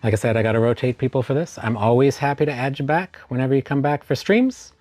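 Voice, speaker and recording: A man's voice: mid-range voice, fast talker, darkish tone, no room sound. A man hosting a casual live stream, greeting viewers by name and spelling out chat commands.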